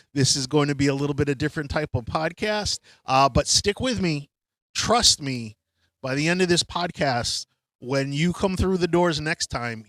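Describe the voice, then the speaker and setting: A man's voice: fairly high pitch, a bit bright, no room sound. A man in his fifties hosting a podcast from a shop studio, telling a personal story in a candid, reflective way with many ums and uhs. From Hartford, USA. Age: 50s. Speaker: podcast host.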